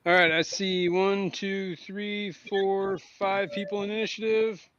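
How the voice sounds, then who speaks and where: Male game master, casual and scattered, higher voice. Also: flat delivery, unhurried, a bit bright, dull audio, a little hiss or hum. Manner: loose, distracted, laughing it off. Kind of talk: running a tabletop game online.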